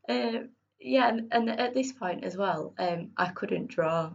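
Female podcast guest, Bradford accent, creaky and a little husky, informal, self-deprecating, slightly lo-fi sound. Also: on the high side, animated, takes it slowly. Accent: Bradford, West Yorkshire. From Bradford, northern England. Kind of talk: casual conversational interview.

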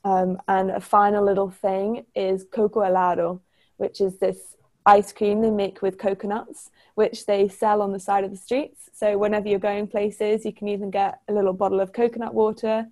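Young woman, mid-pitched voice, enthusiastic podcast guest describing stuff in a casual chat. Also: level tone, normal speed, a little mellow. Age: young adult. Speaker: podcast guest, former language assistant.

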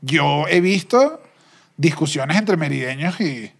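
A man with a Caracas Venezuelan accent who hosts a podcast, chatting in an animated way and laughing often. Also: on the high side, slow, gravelly. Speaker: podcast host. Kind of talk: casual chat.

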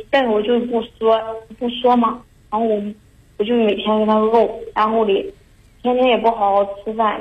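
A young woman calling in to a talk show, talking in an anxious, halting way with many restarts. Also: on the high side, muffled recording. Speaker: caller. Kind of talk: call-in confession.

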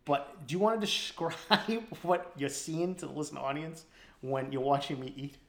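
A man's voice: a little high, moderate pace, gravelly, a bit bright. Laughing man rambling on a podcast. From East Boston. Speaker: podcast host. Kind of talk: casual podcast chat. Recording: roomy echo.

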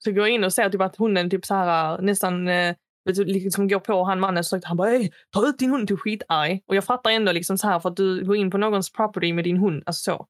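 A woman's voice: medium pitch, few pauses, no room sound, clean studio sound. Young woman telling a story. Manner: animated retelling, acts out quotes in raised voice; mixes English phrases into speech. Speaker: podcast co-host. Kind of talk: casual chat, storytelling.

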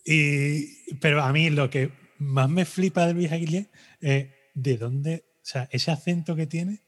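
A man's voice: a little high, a little slow. A man co-hosting a podcast, chatting casually and joking, with plenty of fillers and restarts. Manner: animated, joking, trails off into fillers. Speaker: podcast co-host. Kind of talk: casual chat.

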